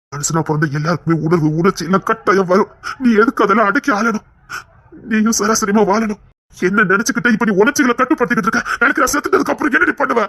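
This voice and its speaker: A man's voice: high voice, pushed and bright, no room sound, full character voice. Brief: man voicing a sorrowful husband in an audio story, earnest and begging, dry close sound. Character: remorseful rough husband, gently pleading. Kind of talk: Tamil audio story acting.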